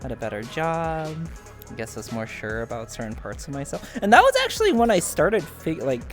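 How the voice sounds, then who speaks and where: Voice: medium pitch, very animated, brisk, over music. A podcast host in casual interview chat on a stream, chatty, joking and rambling.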